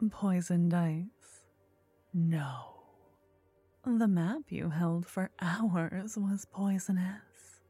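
A woman plays an obsessive fantasy lover, tender yet dangerously possessive, in a sultry ASMR role-play that works as an intimate audio drama for one listener. Her lowish voice is very breathy, soft and mellow, heavily acted, unhurried and soothing, with a gloating, tender mood. There is no room sound, only faint music behind her.

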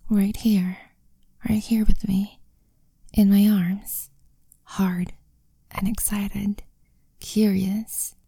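A young woman whispering an intimate, coaxing audio roleplay in a soft, commanding way. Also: medium pitch, flat delivery, drawn-out words, gravelly, long pauses, breathy edge, dry recording.

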